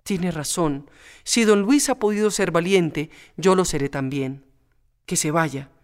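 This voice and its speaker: A man's voice: fairly high pitch, unhurried, close to an everyday voice. A man voicing a young widow pleading in grief. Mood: resigned. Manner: impassioned, pleading. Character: young grieving widow in love.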